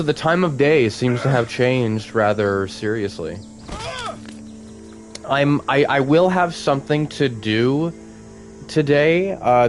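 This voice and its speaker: A man giving casual, rambling gameplay commentary as a let's play host, full of fillers and easy laughs. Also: fairly low pitch.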